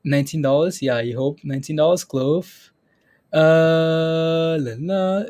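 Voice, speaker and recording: The host of this live stock stream has a fairly high, darkish voice with fairly even intonation and a somewhat slow pace. He chats casually about price levels, names viewers from the chat, repeats himself and laughs often.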